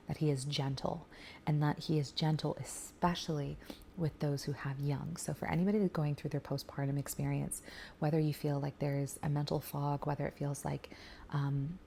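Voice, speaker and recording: A young woman talks to the camera in a low, gravelly voice. Her tone is mellow and unhurried as she chats earnestly with other new mothers. She slips now and then into soft, breathy asides, with a faint hiss of room noise behind her. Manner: chatty and earnest, many fillers, drops to soft breathy asides. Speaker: faith vlogger talking to new mothers. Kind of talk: casual heartfelt storytelling to camera.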